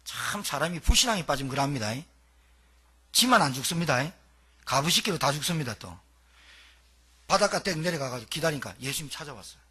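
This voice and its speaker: A man's voice: fairly high pitch, sing-song, brisk, pauses often, sharp tone, husky. A male pastor delivering a dramatic, colloquial sermon full of rhetorical questions.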